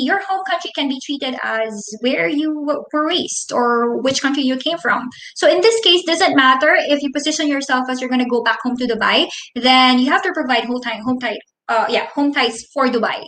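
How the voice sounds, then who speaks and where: Reading viewer comments aloud on a relaxed live Q&A stream, this Filipina host in her thirties mixes English and Tagalog and gives long, friendly explanations. She has a Filipino accent and a high-sitting, fairly bright voice. The audio is low quality with a roomy feel.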